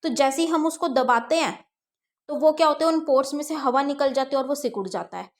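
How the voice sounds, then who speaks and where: A woman with a high, light voice teaching an exam-prep science class. She reads each textbook line slowly, then explains it plainly, asking a question and answering it herself. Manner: explains step by step, asks and answers her own questions.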